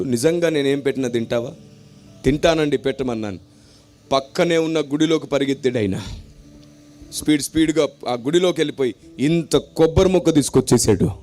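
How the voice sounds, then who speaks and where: A man's voice: on the high side, a little mellow. A middle-aged man preaching a sermon with emphatic, repetitive phrasing and dramatic storytelling.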